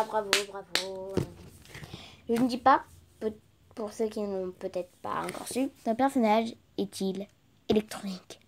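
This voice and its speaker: A woman's voice: a little high, darkish tone, a little hiss or hum. A young French woman playing a guessing game on camera, reading its questions aloud and answering them herself in a casual vlog.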